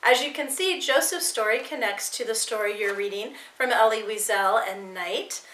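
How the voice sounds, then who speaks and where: A woman teacher reading a novel aloud to her students with expressive, dramatic storytelling. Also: fairly high pitch, moderate pace. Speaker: English teacher. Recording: echoey room.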